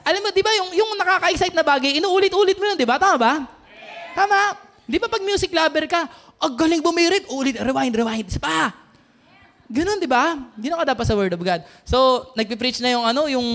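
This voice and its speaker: Male preacher, very high voice, lively sermon, shouts out to the congregation. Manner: animated, calls out to the congregation, often shouts. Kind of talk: energetic sermon.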